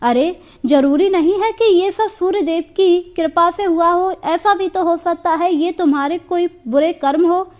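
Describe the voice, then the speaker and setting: A woman voicing a sun god disguised as an ordinary man in a storybook tale, speaking calmly and reasoning patiently. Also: extremely high pitch, unhurried, hardly any pauses, highs cut off, pitched above the performer's own voice. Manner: calm, reasoning. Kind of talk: storybook character voice.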